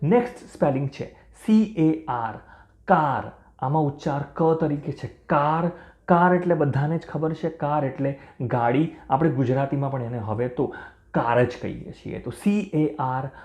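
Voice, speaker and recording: Male language teacher with a warm, mellow voice and a roomy echo, patient and repetitive. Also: on the high side. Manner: slow, clear drilling, repeating each word and spelling letter by letter. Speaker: English teacher. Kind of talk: language lesson for beginners.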